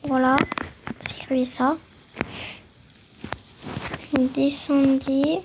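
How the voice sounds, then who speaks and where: Halting high-voiced young woman. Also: little pitch movement, noisy background. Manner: hesitant, halting, many fillers and restarts. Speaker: game tutorial maker. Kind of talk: casual game tutorial voice-over.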